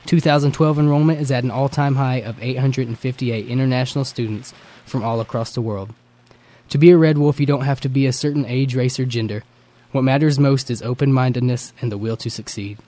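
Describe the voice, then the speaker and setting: Male narrator, scripted student-news read, measured and formal. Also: mid-range voice, dark tone. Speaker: narrator and interviewer.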